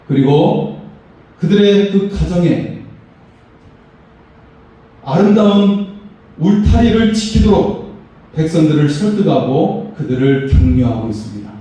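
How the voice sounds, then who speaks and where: A man's voice: a little high, mellow. A pastor, a man, preaching a sermon with emphatic, rising phrases. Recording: echoey hall, voice far from mic.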